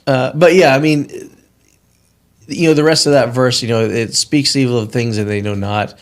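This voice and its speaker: A man's voice: medium pitch, steady tone, normal speed. A man co-hosting a casual Bible study discussion, explaining verses earnestly and thinking aloud with frequent restarts.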